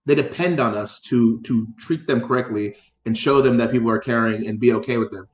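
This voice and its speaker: A man's voice: mid-range voice, a little fast, echoey room. A man co-hosting a casual chat, rambling with many fillers and restarts and casual swearing. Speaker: podcast co-host.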